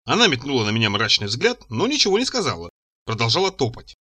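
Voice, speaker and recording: A man's voice: mid-range voice, wildly swooping pitch, quick pace, pushed and bright, slightly rough. A man narrating an audiobook in the first person, telling the story expressively. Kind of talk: audiobook reading.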